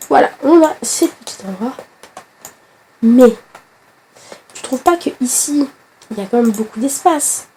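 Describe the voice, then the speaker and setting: A woman with a hoarse voice from a flu, chatting straight to the viewer in a casual game tutorial, with hesitant fillers. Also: a little high, mellow, slight background noise. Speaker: gaming tutorial host.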